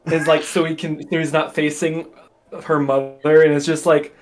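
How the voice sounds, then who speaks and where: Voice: medium pitch, flat delivery, moderate pace, slight background noise. A player in a tabletop game, laughing often while describing their character's actions. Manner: giggly, chatty with many likes. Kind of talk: role-playing a character.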